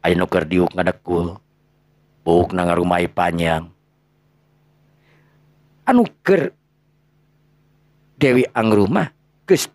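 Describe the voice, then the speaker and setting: A storyteller with a Sundanese accent and a low-sitting voice narrates a folktale dramatically, breaking his phrases up to build suspense. The recording is dry.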